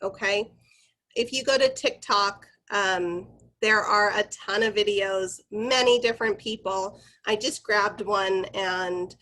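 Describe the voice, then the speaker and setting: A woman's voice: medium pitch, slow, pushed and bright, rough recording. Conversational woman leading corporate training. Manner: conversational, instructive, addressing the group directly. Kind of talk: corporate training presentation, informal explaining.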